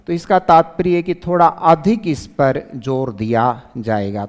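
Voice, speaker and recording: A man lectures on an exam syllabus, repeating key points and posing his own questions before answering them. His voice is smooth and resonant, and the sound carries a long reverb. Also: medium pitch, darkish tone. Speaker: teacher.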